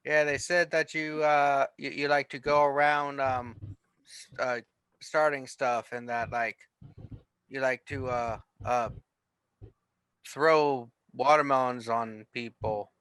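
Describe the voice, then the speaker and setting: A man playing a tabletop game, improvising casually in a halting, deadpan way. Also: medium pitch, clean tone, no echo, rough recording. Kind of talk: casual improvised role-play.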